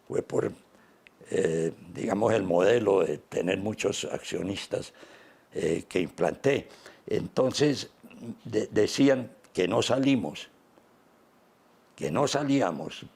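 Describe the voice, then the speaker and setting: A man, speaking as an interview guest in an unhurried, reflective way, pausing often. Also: lowish voice, gravelly, a little mellow, breathy edge. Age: 80s. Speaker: interview guest, business founder.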